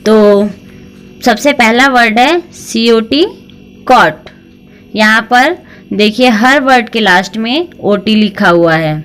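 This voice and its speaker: Slow, higher-voiced woman teaching word lists. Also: fairly bright tone, soft background music. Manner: spells each word, then reads it. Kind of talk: reading a word list for children.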